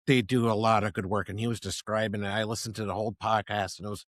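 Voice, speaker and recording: A middle-aged man hosts a podcast interview, rambling and restarting as he gives eager shout-outs. His voice sits a little low. The sound is dry and close. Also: level tone, fast talker, no echo. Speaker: podcast host.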